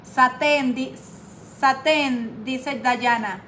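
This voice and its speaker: A woman hosting a casual live craft tutorial, chatting warmly with her viewers and reading their comments aloud. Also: high-pitched, drawn-out words, a little hiss or hum. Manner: chatty, affectionate, calls viewers "my girls", reads comments aloud. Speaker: craft livestream host.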